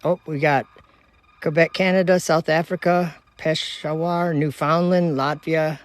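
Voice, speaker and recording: A man's voice: a little high, measured pace, no room sound. A man from Minnesota hosting a casual outdoor livestream at night, chattily reading viewer comments and locations aloud while he runs a telescope. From Minnesota, United States. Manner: relaxed, reads viewer locations aloud in a chatty running list. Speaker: livestream host.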